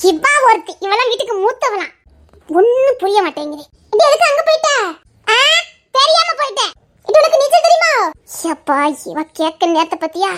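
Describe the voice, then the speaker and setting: A woman voicing a coy, feisty young wife in an audio drama, protesting in a playful way. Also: extremely high pitch.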